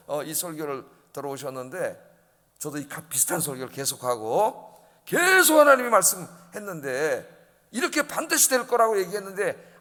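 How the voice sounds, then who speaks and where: A man's voice: high-pitched, a bit bright, in a large hall. A male pastor preaching an early-morning sermon, emphatic and often asking the congregation questions. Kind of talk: dawn service sermon. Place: church sanctuary.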